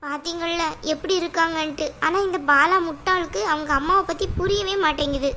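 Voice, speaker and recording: Cartoon role: fiery young wife, high, piercing voice, voiced by a woman. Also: steady tone, fairly quick, slight background noise. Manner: complaining, sharp-tongued. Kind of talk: cartoon voice acting.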